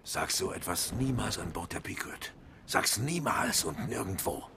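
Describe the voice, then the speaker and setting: An actor playing a gruff old sea captain who sternly warns a young man, in a radio play. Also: low-pitched, expressive, a little slow, heavily acted. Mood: stern warning. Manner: stern, admonishing. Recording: noisy radio drama recording.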